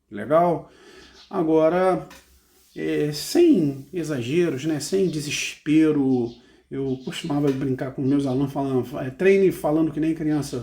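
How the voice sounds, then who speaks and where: Gravelly Brazilian man teaching English. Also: a little high, dark tone. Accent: Brazilian Portuguese. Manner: patient, tacks "né?" onto most phrases; reads English lines slowly and carefully. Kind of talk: explaining song lyrics line by line.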